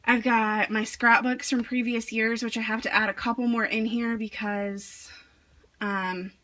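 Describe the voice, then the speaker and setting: A woman's voice: on the high side, little pitch movement, a little slow, pushed and bright. Chatty young woman with a rambling vlog voice. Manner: chatty, rambling, many fillers. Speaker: vlogger. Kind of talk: casual home tour vlog. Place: in her home.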